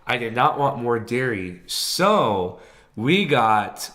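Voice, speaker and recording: A man hosting a casual live stream, sounding congested and hoarse from sinus trouble, chatty and quick to laugh. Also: mid-range voice, big pitch swings, fairly bright tone. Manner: chatty, laughs easily, apologetic. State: congested, sick voice.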